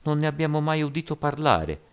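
A man's voice: on the high side, sing-song, brisk, smooth, pitched above the performer's own voice. A man reading as a pensive, wondering young man.

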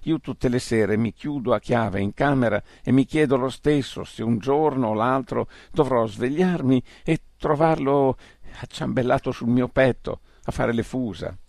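A man reading the part of a frightened old man in a wheelchair, halting and hesitant, in an audiobook. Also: mid-range voice, creaky, darkish tone, no echo, studio quality, voice pushed up. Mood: fearful.

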